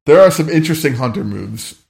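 A man's voice: a little high, lively intonation, fairly quick, gravelly, darkish tone. A man playing a tabletop game, chatting casually in an informal, meandering way.

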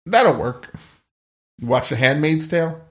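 A man playing a rough, worn-out, streetwise hunter in a tabletop game, talking in an offhand, slangy ramble. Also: fairly high pitch, animated, a little slow, a bit bright. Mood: casual, evasive.

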